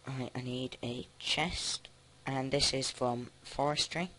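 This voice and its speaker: A man casually commenting on his own gameplay, thinking aloud with many halting restarts. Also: medium pitch, fairly even intonation, pushed and bright. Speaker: let's play host.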